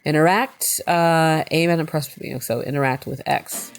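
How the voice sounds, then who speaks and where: A gameplay video host chats casually as she plays, reading the game's text aloud and poking fun at herself with frequent laughter. Her low, creaky voice moves at a measured pace and sounds slightly congested from a recent cold, with background noise present.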